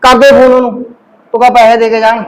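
This is a bullying husband in an amateur family drama, played by a man. His voice is strikingly high. He gives bossy, threatening commands. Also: level tone, fast, low-quality recording.

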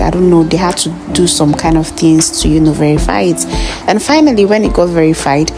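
Nigerian girl in her 20s doing a chatty vlog voiceover, lowish voice, loud music under it. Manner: chatty, confiding, full of fillers like "you know". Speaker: vlogger. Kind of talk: casual voice-over narration. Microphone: phone or recorder voice-over. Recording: voice-over with loud music behind.

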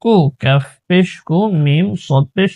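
A man with a Bangladeshi accent teaching Quran reading, chanting the verses slowly and spelling out letters and pronunciation rules. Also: a little high, darkish tone, no echo, highs cut off. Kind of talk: slow recitation lesson with spelling drills.

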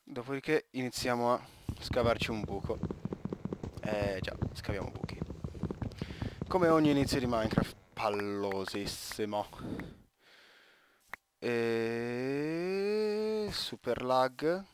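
Speaking at a measured pace in a fairly low voice, a teenage gaming YouTuber from Italy rambles through his gameplay, frequently cutting himself off mid-word and tossing in jokes to himself. There's slight background noise.

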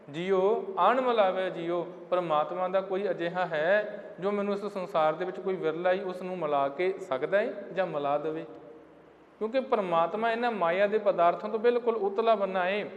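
A man giving a Sikh sermon who explains scripture and sings the quoted lines slowly. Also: high voice, big-room sound, highs cut off. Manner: addresses listeners as dear ones of the Guru. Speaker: Sikh preacher giving katha.

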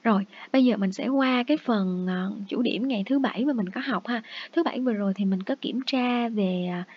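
A woman teaching English to young children in a recorded review lesson. She speaks patiently and coaxingly, and she says English words slowly and repeats them for the class. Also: on the high side, husky, muffled recording.

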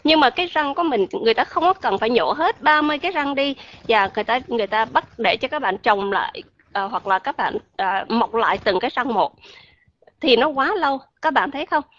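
A woman's voice: a little high, animated, a little fast, fairly bright tone, lo-fi sound. A woman teaching an online English pronunciation lesson, chatty and checking often on her listeners.

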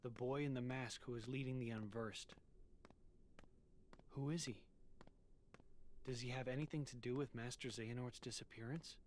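A man's voice: medium pitch, steady tone, moderate pace, pauses often, darkish tone, a little hiss or hum, close to an everyday voice. A man playing an earnest, serious young warrior in a video game, with a questioning manner. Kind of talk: video game cutscene acting.

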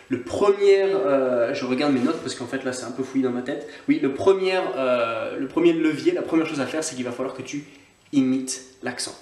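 Scottish teacher in a roomy echo. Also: male voice, medium pitch, darkish tone. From Scotland. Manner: chatty, repeats words for drilling. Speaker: online English teacher. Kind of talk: casual video lesson. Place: on holiday, away from usual setting.

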